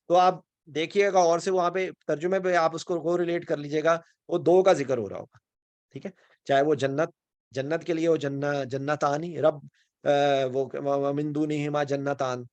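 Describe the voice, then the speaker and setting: A man's voice: a little high, dry recording. A man with a Pakistani Urdu accent teaching Quran and Arabic grammar in an online class, explaining step by step, checking in with his students and mixing English words into his speech.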